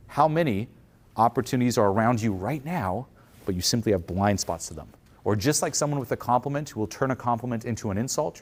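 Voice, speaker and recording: Guy with a lowish voice giving a self-help talk at a conference, lively, slips into other people's inner voices. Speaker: coach.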